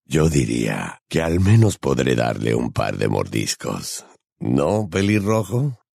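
A man voicing a menacing werewolf in an audiobook, with a low, syrupy, gloating delivery. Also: big pitch swings, slow, vocal fry, dark tone, no room sound, clean studio sound, full character voice.

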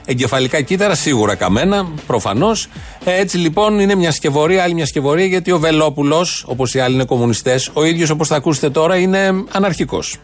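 A man's voice: a little high, animated, faint music behind. Sarcastic man hosting satirical news. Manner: sarcastic, mock-serious. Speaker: satirical show host.

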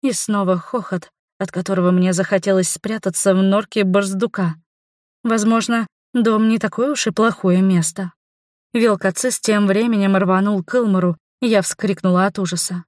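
A woman narrates a fantasy audiobook in the first person, telling it with lively, wry storytelling. Her voice sits at an ordinary middle pitch. The sound is dry and close, with no room around it. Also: normal speed, dry recording.

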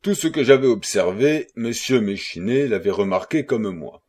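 A husky male narrator reading a classic novel aloud. His measured delivery has lively, wide-ranging intonation. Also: fairly low pitch. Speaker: audiobook narrator. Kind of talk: scripted narration.

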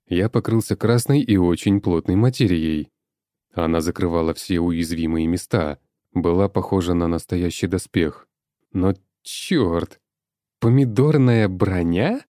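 A man's voice: sits low, normal speed, dark tone, no room sound, studio quality. A man reading a first-person audiobook in a wry, sardonic storytelling manner. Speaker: narrator.

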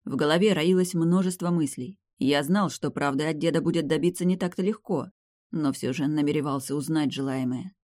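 A man reading a dramatic novel aloud in first person, in a measured audiobook style. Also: a little high, darkish tone, no room sound, studio quality. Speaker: audiobook narrator. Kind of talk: scripted first-person narration.

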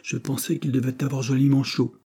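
A man's voice: mid-range voice, flat delivery, fairly quick, warm tone, husky, pitched above the performer's own voice. A man voicing a stubborn young maidservant who insists firmly on what she saw. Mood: insistent. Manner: firm, insistent. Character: stubborn young maid, sure of herself.

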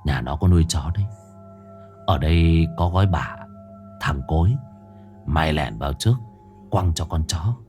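A man voicing a bossy young gang leader who gives hushed, low commands. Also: lively intonation, normal speed, long pauses, soft background music. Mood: hushed orders.

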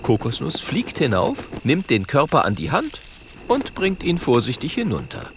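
A man reading a children's story aloud in an animated, expressive way. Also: medium pitch, normal speed, noisy background. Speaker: narrator.

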